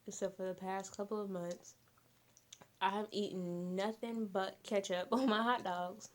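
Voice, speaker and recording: Slow-talking young woman eating on camera. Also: medium pitch. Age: young adult. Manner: slow, relaxed talk between bites. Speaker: mukbang vlogger. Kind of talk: casual eating vlog.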